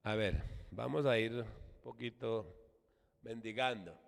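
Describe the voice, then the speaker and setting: A man's voice: fairly low pitch, measured pace, gravelly. A man preaching a sermon in a Colombian Spanish accent, emphatic and repetitive, leading his congregation in call-and-response. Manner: emphatic, repeats "hermano" and has the congregation repeat words. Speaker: apostle preaching. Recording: long echoey hall reverb.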